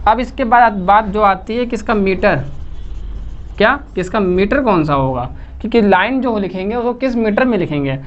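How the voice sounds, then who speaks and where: A woman's voice: medium pitch, animated, normal speed. A woman lecturing as an English literature teacher, who asks her listeners questions, repeats the key terms and keeps checking in with them. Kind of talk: classroom-style lecture. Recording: slightly muffled recording.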